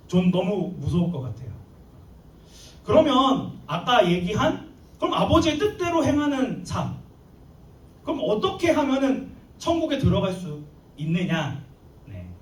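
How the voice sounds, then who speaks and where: A man preaching a sermon to a youth group, talking in a lively way and acting out little scenes with comic asides. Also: sits high, a little hiss or hum. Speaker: youth pastor. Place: church hall. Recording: echoey hall, mic at a distance.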